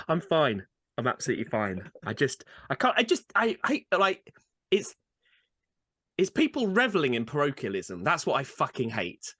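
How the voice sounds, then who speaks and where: Man, casual podcast chat, fairly high voice, bright tone, animated rants. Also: moderate pace, husky. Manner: animated ranting, mimics people, swears. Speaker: podcast co-host.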